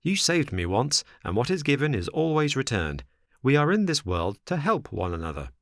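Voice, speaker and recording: A man's voice: mid-range voice, sing-song, normal speed, no echo, clean studio sound, voice pushed up. A man voicing a kind, hungry male dog with an earnest, plain-spoken manner. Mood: earnest, kindly.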